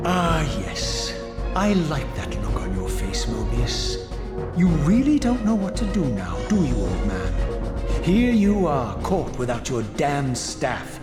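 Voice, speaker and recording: A sardonic undead wraith, echoing. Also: male voice, mid-range voice. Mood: mocking. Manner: sardonic, scornful, theatrical formal speech. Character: defiant, bitter undead male wraith, proud and sardonic. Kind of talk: dramatic video game voice acting. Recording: echoey hall reverb, music behind.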